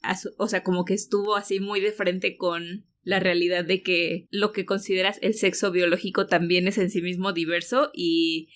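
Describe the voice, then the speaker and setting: A woman's voice: fairly low pitch, flat delivery, normal speed, few pauses. A woman, a podcast guest speaking earnestly and thoughtfully in casual conversation. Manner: thoughtful, earnest, many fillers.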